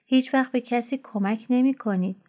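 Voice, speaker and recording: A woman's voice: a little high, a little mellow, close to an everyday voice. A woman doing an earnest, pleading male servant. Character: loyal long-serving male servant, earnest.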